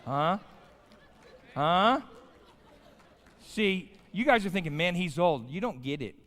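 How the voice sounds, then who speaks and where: A man in his fifties with an American accent gives an informal chapel sermon as a guest pastor, folksy and colloquial, telling stories and asking his listeners questions. His voice sits high with big pitch swings, a slow pace and a fairly bright tone. It's recorded live in a large indoor chapel with long reverb.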